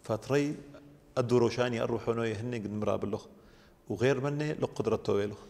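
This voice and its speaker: A priest speaks quickly, laying out religious teaching in long, steady explanations. His voice has a gravelly, creaky edge. A long reverb trails behind him in the room. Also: medium pitch. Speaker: priest guest.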